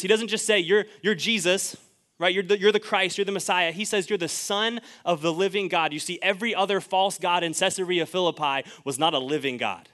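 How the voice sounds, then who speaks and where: Young male pastor, emphatic sermon delivery, higher-than-average pitch. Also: a bit bright. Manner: emphatic preaching with repeated rhetorical questions. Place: church sanctuary.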